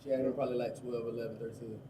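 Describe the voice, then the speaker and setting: Miami guy around thirty talking quick and loose, kinda far from the mic, faint room noise. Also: medium pitch, level tone. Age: 30s. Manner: fast, loose street slang, lots of "you know what I'm saying". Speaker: rapper guest. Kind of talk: casual interview chat.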